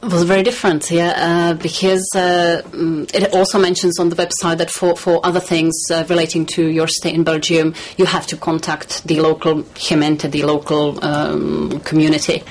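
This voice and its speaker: A woman from the Czech Republic appears as a studio guest in a radio interview, speaking in a measured, hesitant way with many fillers. Her low-pitched voice is flat, and the recording is rough.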